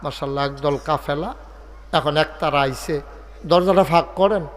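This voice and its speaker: A man with a fairly high voice preaches in an over a loudspeaker at a large open-air gathering. He jokes with the crowd, scolds the sound man, and draws key lines out into a slow chant. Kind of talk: village sermon with crowd call-and-response. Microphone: handheld mic through PA.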